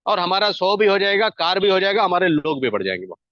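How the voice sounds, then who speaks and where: A man's voice: high-pitched, big pitch swings, fast talker, dry recording. A man giving a persuasive, repetitive motivational talk as a network marketing team leader. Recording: dull, dry lo-fi sound.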